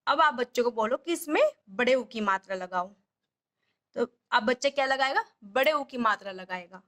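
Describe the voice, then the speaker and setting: A woman with a high, light voice teaches step by step, patiently sounding out each syllable again and again. She speaks like a home tutor guiding parents through a lesson. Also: lively intonation, fairly bright tone. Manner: patient, repeats sounds slowly and drawn out.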